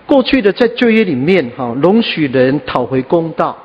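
A man's voice: on the high side, big pitch swings, moderate pace, dull audio. Earnest man preaching in an echoey hall. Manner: scattered with "ah" and "ha" fillers, earnest. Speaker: pastor. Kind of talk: sermon.

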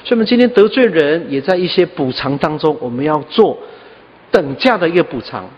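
A man's voice: fairly high pitch, expressive, a little fast, lo-fi sound. Earnest man preaching in an echoey hall. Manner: scattered with "ah" and "ha" fillers, earnest. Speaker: pastor. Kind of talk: sermon.

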